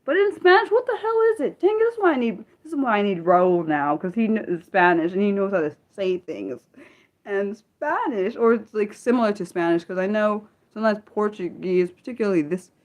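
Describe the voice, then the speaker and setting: Reading comments and chatting loosely with her audience, this livestream host, a woman in her thirties, talks without a script. She tends to ramble and correct herself while her mood shifts from excited to subdued, speaking at a fairly quick clip in a mid-range voice.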